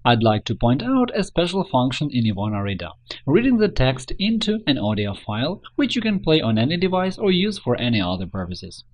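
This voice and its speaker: Speaking fairly quickly, a man presents a scripted tutorial on how to do something. His pitch jumps around in a highly animated fashion as he covers each step.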